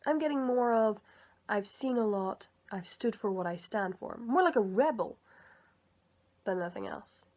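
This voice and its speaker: Sounding slightly under the weather, a woman rambles chattily to her vlog audience, fixing her own words as she talks. She speaks unhurriedly in a medium, slightly mellow voice with big swings in pitch. She makes videos and reads comic dubs.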